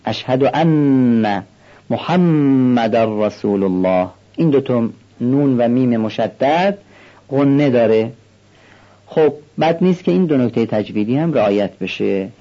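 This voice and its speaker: A man teaching how to recite a prayer call, explaining calmly and slowing down to demonstrate the pronunciation. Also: medium pitch, dull audio. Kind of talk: instructional explanation with recited examples.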